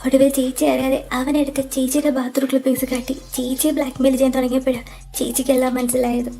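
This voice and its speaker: A woman voicing a young college girl who is a loyal, wronged younger sister in an audio drama, speaking softly and breathily, near tears. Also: high voice, flat delivery, fast, creaky, faint music behind. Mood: grim recounting. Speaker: voice actor in fan audio drama.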